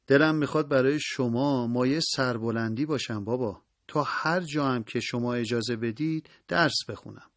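An earnest teenage girl, quiet but determined, as read by a man in his own voice. She speaks softly and respectfully, and the sound is dry and close. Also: medium pitch, no room sound, close to an everyday voice. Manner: soft, respectful, pleading.

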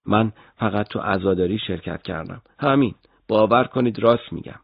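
A man's voice: on the low side, vocal fry, slightly rough, no room sound, dull audio. A man voicing a frightened young male detainee who pleads and stammers out denials. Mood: pleading.

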